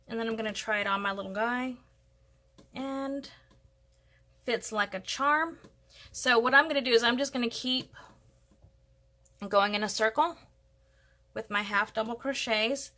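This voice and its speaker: A woman's voice: a little high, unhurried, pauses often, sharp tone. A woman hosting a casual crochet tutorial, chatting and thinking aloud as she works. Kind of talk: casual step-by-step craft tutorial.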